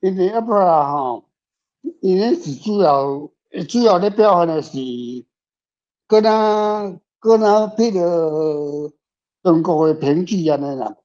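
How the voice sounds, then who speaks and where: On a dull, lo-fi recording, a man with a Taiwanese accent speaks slowly in a high, slightly mellow voice. He is a guest author on a panel, giving casual, meandering answers and repeating himself.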